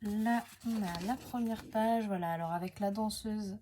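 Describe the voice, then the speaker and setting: A woman chatting casually to camera while unboxing craft papers, hesitant, full of fillers and self-corrections, sometimes dropping to a soft near-whisper. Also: mid-range voice, moderate pace, noisy background. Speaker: scrapbooking crafter presenting her channel.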